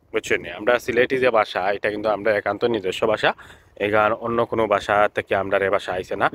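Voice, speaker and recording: A man's voice: on the low side, fairly bright tone, slight background noise. A man from Sylhet with a Sylheti accent, chatting casually as he films a vlog outdoors by a lake, repeating himself and using many filler sounds. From Sylhet, Bangladesh. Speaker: vlogger.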